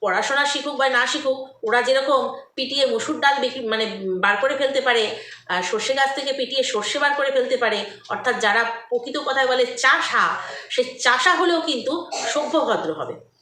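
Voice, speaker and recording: A woman's voice: high-pitched, moderate pace, pushed and bright, distant mic. A woman vlogger giving a scornful, gossipy commentary monologue, with many hesitations. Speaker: vlogger commenting on an online feud. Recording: echoey room, voice off-mic.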